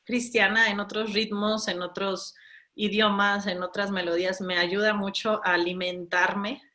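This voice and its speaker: A woman's voice: medium pitch, little pitch movement, a little slow, bright, forceful tone. A woman, a guest talking casually about her faith, chatty, with many fillers. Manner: chatty, frequent fillers and laughs. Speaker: interview guest.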